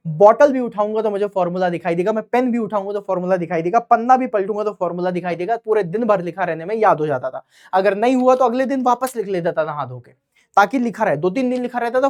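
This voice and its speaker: A young man teaching a live online exam-prep class, chatty and keeps checking in with his students. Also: sits high.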